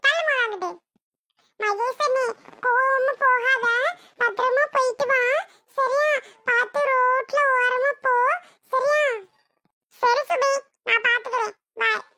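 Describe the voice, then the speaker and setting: A voice actor playing a worn-out young husband in a homemade Tirunelveli Tamil cartoon. He argues and pleads in exasperation. The voice is pushed very high and bright, close and dry. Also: steady tone, slow, long pauses, dry recording, exaggerated voice. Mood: exasperated. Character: young husband, defiant then tearful. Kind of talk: cartoon voice acting.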